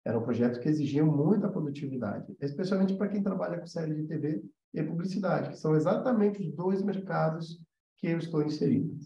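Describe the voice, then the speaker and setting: This animation teacher and mentor, a man with a Brazilian Portuguese accent, leads a casual livestream lesson, explaining things conversationally and often checking on his listeners. His voice sits on the high side, fairly quick, creaky and warm. The audio has a roomy echo and sounds dull and muffled.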